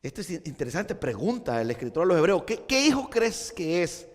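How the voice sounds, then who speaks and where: A man with a high voice delivers a fervent sermon as a pastor, often doubling back on his words for emphasis. His voice carries a long reverb, as though filling a large church hall. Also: very animated, fairly quick.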